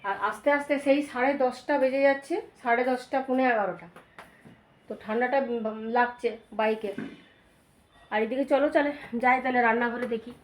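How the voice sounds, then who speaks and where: Hoarse, chatty woman vlogging at home. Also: a little fast. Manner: chatty, talks to her dog in a high coaxing voice. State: stuffy and hoarse from a cold. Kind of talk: casual daily vlog narration. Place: home, indoors. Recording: echoey room with faint ambient noise.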